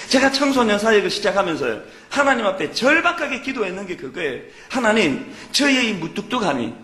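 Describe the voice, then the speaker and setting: A man's voice: high-pitched, pushed and bright. A man from preaching a sermon as a pastor, earnest and emphatic, with many rhetorical questions. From Gyeongsang, South Korea. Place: church sanctuary. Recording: echoey church hall.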